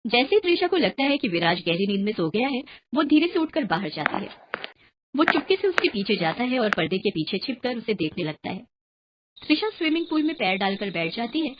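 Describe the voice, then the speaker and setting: A woman narrating a cartoon horror story in a dramatic, expressive way. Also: fairly high pitch, a little fast. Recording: muffled, with a clear hiss.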